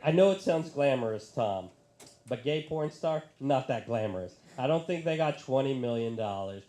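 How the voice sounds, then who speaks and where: A man's voice: medium pitch, animated, normal speed, dark tone. A man in his thirties doing live stand-up comedy in a bar, ranting in a profane, exasperated way into a handheld mic. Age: 30s.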